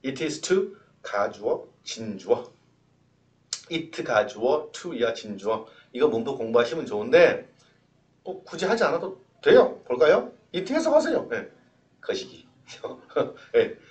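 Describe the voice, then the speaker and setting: A man's voice: mid-range voice, recorded from a distance. A man teaching an exam-prep English lesson in a chatty, joking way, asking and answering his own questions. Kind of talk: recorded exam-prep lecture.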